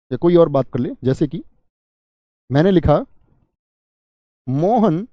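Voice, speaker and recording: A man's voice: high voice, dark tone, no room sound, clean studio sound. A man teaching Hindi grammar to an online exam-prep class, who asks the class questions and then answers them himself. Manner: explains slowly and repeats key terms.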